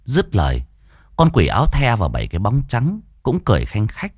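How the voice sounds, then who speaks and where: A man's voice: fairly low pitch, huge pitch swings, fairly quick, darkish tone, no echo. A man narrating a ghost story in a dramatic, suspenseful way.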